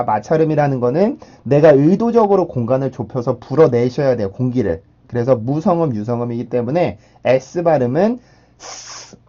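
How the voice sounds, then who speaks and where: A man giving an online pronunciation lesson, his pitch rising and falling a lot as he explains. His voice is dark and mellow, and the recording sounds a little dull and lo-fi. He walks through each sound step by step and repeats it several times as a model. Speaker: English pronunciation teacher.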